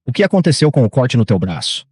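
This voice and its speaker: A man voicing a frightened young girlfriend in a story recap, read flatly in his own voice. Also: mid-range voice, fast talker, husky, dry recording. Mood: anxious. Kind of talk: recap narration quoting dialogue.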